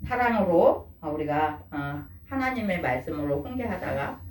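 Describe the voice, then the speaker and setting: A woman's voice: low-pitched, expressive, moderate pace, darkish tone. An older woman pastor giving a conversational sermon, often putting questions to the congregation. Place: church. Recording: echoey room from far off.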